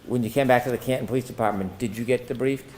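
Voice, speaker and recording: A man's voice: mid-range voice, fast, a little mellow, a little hiss or hum, rough recording. A man working as an attorney, questioning a witness in court in a formal, methodical and precise way. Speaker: prosecuting attorney.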